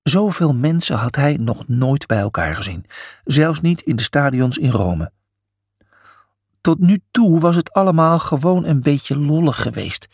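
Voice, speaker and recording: A man reads a children's story aloud with an animated, expressive delivery. His voice is gravelly and a little husky, and the recording is dry and close. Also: a little high, dry recording. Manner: lively, expressive reading. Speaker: narrator. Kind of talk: storybook reading.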